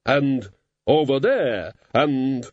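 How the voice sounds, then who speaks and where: A man voicing a naive young warrior's ghost from a storybook, cheerful and eager. His pitch is lively. The recording is dull and lo-fi. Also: extremely slow, no echo.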